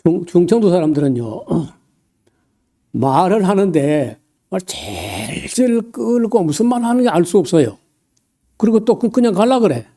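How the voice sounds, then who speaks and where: Male pastor, sermon delivery, very mellow dark tone, folksy and halting with lots of fillers and throat-clearing. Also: sits high, expressive. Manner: folksy, humorous asides.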